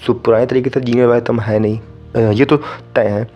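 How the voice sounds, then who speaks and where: A man's voice: medium pitch, level tone, a little fast, mellow, lo-fi sound, faint music behind. A young man from India hosting a solo podcast, talking casually and directly to his listeners and slipping English phrases into his sentences. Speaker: podcast host.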